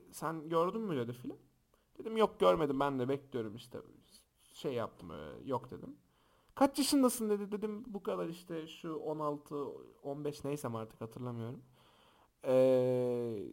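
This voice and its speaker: A young man hosting a podcast, telling funny stories and acting out the shouting people in them. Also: on the high side. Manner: animated, acts out quoted shouts and voices. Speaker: podcast host. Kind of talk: casual podcast storytelling. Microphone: close podcast microphone.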